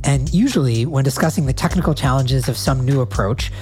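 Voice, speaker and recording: A man's voice: mid-range voice, fairly quick, a little mellow, faint music behind. A man hosting a podcast interview, talking articulately with a nasal voice from a cold. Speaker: podcast host.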